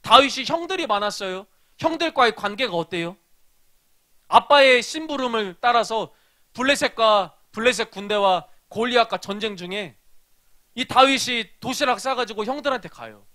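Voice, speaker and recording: Man, pastor, children's sermon, bright forceful voice, loud emphasis and hushed asides. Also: very high-pitched, animated, moderate pace. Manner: storytelling, asks the children questions.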